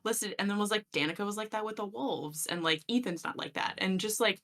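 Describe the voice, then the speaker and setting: A woman's voice: medium pitch, fairly quick. A woman co-hosting a book podcast, chatting casually and gushing about the story, with lots of fillers. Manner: gushing, filler-heavy, quotes characters in an animated voice. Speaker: podcast co-host. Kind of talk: casual book discussion chat.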